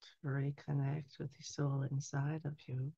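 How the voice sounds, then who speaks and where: A woman in her sixties speaking as a trance medium, solemnly delivering a spiritual message in measured phrases with long pauses. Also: sits low, little pitch movement, vocal fry, mellow, breathy edge. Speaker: trance channeler. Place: small candlelit room indoors. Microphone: headset boom mic. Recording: dull, lo-fi headset sound.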